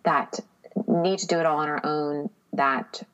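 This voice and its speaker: Low-voiced woman talking candidly. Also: unhurried, lo-fi sound. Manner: reflective, candid, animated with quoted asides. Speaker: podcast guest. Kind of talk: casual conversation.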